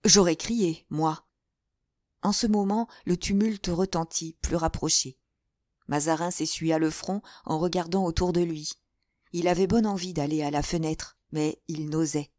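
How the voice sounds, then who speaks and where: A woman narrating a classic novel as an audiobook, with a measured, even reading. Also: low voice, dry recording, studio quality. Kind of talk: scripted narration.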